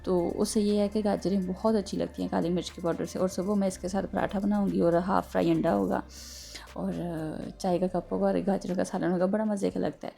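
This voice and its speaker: A woman's voice: on the low side, fairly even intonation, fairly quick, gravelly, warm tone, soft background music. A woman with a slightly sore throat, rambling homely narration of her kitchen chores with many little fillers. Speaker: home vlogger. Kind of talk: casual chatty home vlog narration. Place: home kitchen.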